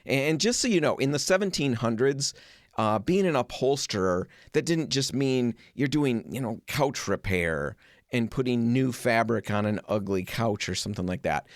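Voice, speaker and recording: A middle-aged man hosting a home improvement show, spinning a story in a chatty, animated way with plenty of asides. His mid-pitched voice swings freely up and down as he talks. The sound is close and dry, with no room around it. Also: moderate pace, no room sound. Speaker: host.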